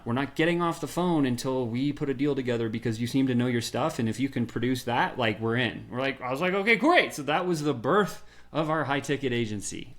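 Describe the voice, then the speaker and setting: A middle-aged man with a mid-range voice appears as a podcast guest, recounting his business story in a lively way and acting out the quotes.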